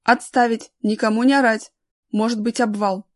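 A woman reading a bossy adult male vagabond who leads a search party, giving brisk orders in a raised voice. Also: a little high, a little mellow, close to an everyday voice. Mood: commanding.

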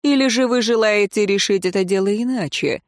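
A cold, curt royal councillor from a storybook, dry and commanding, read by a man in his own low register. The sound is close with no room. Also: brisk, no echo, close to an everyday voice.

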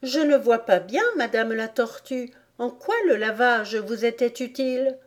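A woman's voice: a little high, a little slow, pitched above the performer's own voice, close to an everyday voice. A woman voicing a polite, curious little girl in a storybook reading, in a raised, prim and questioning voice.

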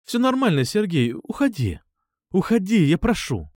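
A man voicing a distraught young woman teacher who pleads through tears and then shouts. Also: high-pitched, wildly swooping pitch, moderate pace, dry recording, clean studio sound, pitched above the performer's own voice, full character voice. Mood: tearful pleading.

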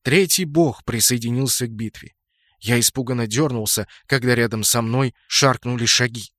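Male audiobook narrator, steady, mid pitch, dry close recording. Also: no echo. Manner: steady, measured storytelling. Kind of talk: scripted narration.

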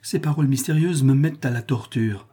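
A man's voice: medium pitch, brisk, mellow, husky, voice pushed up, close to an everyday voice. A man reading the part of an anxious noble mother who pleads with her son, his voice lifted a little. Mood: anxious pleading. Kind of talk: audiobook character voice.

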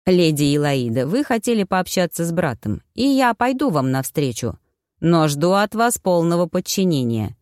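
Woman doing a smug male impostor, smooth and polite, audiobook villain, dry sound. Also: fairly high pitch, sing-song, normal speed, a little mellow, no room sound.

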